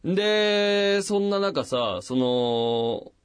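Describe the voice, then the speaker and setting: A late-night radio host unwinds a long personal story casually, animated and acting out quoted voices with big pitch jumps. He draws out his words in a clean tone, recorded dry on a studio microphone with clean studio sound.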